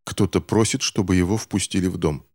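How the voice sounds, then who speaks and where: A man's voice: sits low, fairly even intonation, fairly quick, a little mellow, dry recording, clean studio sound. A man voicing a harsh, desperate middle-aged mother in an audiobook, pleading and spiteful by turns. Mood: tense. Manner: pleading, then cold and spiteful.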